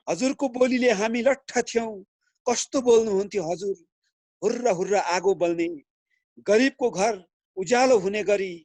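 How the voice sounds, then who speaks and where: A man reciting his own poem in a slow, earnest recital, speaking over a video call. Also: high-pitched, dry recording. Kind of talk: poetry recitation.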